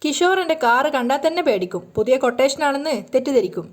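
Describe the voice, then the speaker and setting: A woman voicing a sharp-tongued young wife who stages a ruse, teasing at first and then cold and defiant, in a storytelling reading. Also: high voice, animated, fast. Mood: scheming.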